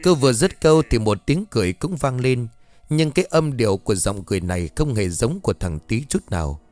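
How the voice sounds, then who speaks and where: A man's voice: mid-range voice, animated, fairly quick, darkish tone. A man telling a scripted horror story, voicing every character himself. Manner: voices all characters himself, shifting tone for dialogue.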